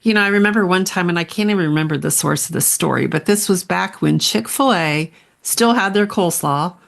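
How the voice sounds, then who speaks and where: A woman's voice: on the low side, fairly quick, creaky. A woman hosting a podcast interview, asking pointed questions and repeating key phrases. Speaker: podcast host.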